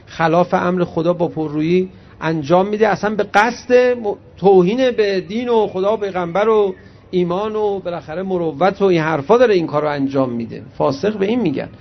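A man preaching a religious sermon, reciting Arabic hadith slowly and then explaining them conversationally to his audience. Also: sits high, vocal fry. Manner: animated storyteller addressing the audience directly. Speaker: cleric preacher. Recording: muffled lo-fi recording.

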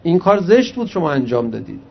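A man preaching a religious sermon, reciting Arabic hadith slowly and then explaining them conversationally to his audience. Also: on the high side, vocal fry, breathy edge. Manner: animated storyteller addressing the audience directly. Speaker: cleric preacher. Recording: muffled lo-fi recording.

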